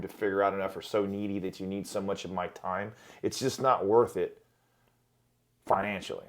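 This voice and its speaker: A man in his forties, a gym owner and jiu-jitsu coach, talking casually and candidly on a podcast, swearing freely and joking at his own expense. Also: lowish voice. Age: 40s. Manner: candid, profane, self-deprecating.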